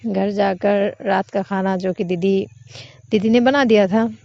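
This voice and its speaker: A woman telling a romance story in an easy, conversational way, with many filler links. Her voice is mellow and gravelly. The recording is dry and dull, lo-fi. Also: medium pitch, fairly even intonation, unhurried. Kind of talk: casual story narration.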